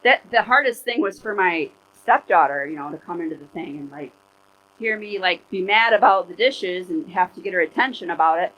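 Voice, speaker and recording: Middle-aged woman pastor, casual animated preaching style in a church setting. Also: fairly low pitch, fairly quick, rough recording. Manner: conversational, animated preaching with personal stories. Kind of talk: sermon.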